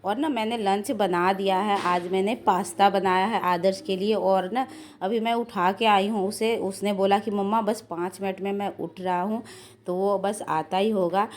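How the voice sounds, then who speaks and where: A woman in her thirties with a hoarse voice from a sore throat, narrating a casual cooking and daily-life vlog from her home kitchen in a chatty, rambling way. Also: mid-range voice, fairly even intonation, moderate pace. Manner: chatty, rambling, frequent filler "ना". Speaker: vlogger and mother.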